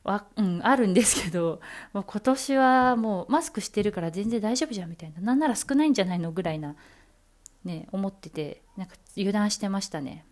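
A woman's voice: medium pitch, darkish tone. A woman who works as an announcer, hosting her own solo talk episode in a chatty, playful way full of fillers and asides. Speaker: announcer and podcast host.

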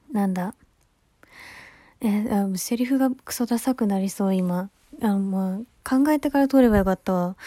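A woman's voice: medium pitch, dark tone, no echo. Young woman, podcast host, casual solo chat, rambling, laughs a lot, self-mocking, dry close sound.

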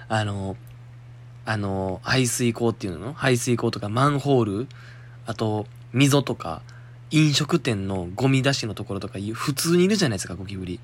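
A young man with a Kansai accent, hosting a solo talk show and chatting about a listener's letter in a rambling way. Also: mid-range voice. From Shiga, Japan. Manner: chatty, muttering to himself, laughing. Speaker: podcast host.

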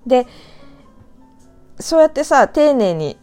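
Lively chatty woman telling a story. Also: sits high, soft background music. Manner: chatty, animated, drawn-out sentence endings. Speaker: talk show host. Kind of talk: casual storytelling monologue.

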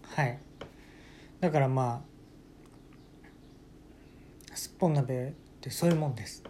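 A man hosting a casual solo podcast, telling a family story with playful jokes and quick self-corrections. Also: mid-range voice, darkish tone, a little hiss or hum. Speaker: podcast host.

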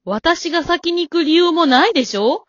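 A woman's voice: very high voice, expressive, normal speed, dry recording. A woman voicing a stern, composed elderly wife in an amateur radio drama, polite and cool with a scolding edge. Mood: calm. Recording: dull dry lo-fi recording.

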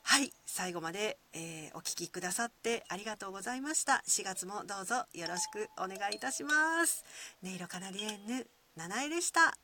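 A woman with a Kyoto accent hosting a solo podcast, musing gently with many soft fillers. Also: mid-range voice, animated, brisk, noisy background. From Kyoto, Japan. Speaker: podcast host.

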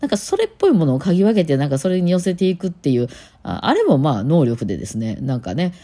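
A woman musician who hosts her own show talks casually on her own in a Kansai Japanese accent. Her voice is low-pitched and dark with a sing-song lilt and quick pace, and she rambles with lots of fillers.

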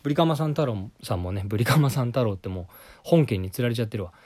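A man's voice: medium pitch, expressive, rapid-fire, a little mellow. A man hosting his own casual solo talk show from home, joking and punning between polite set phrases. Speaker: podcast host. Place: at home, right after a bath.

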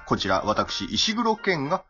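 A man hosting a casual podcast in a deliberately lowered, put-on deep voice, chatty and lively. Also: lo-fi sound, faint music behind. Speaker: podcast host.

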